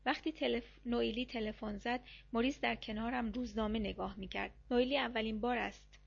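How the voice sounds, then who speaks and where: A woman with a slightly high voice reads a first-person diary story at a steady, measured pace. Her narration is calm and even throughout. The recording sounds muffled and lo-fi, with the top end dulled. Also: creaky, husky. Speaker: audiobook narrator. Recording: dull lo-fi recording.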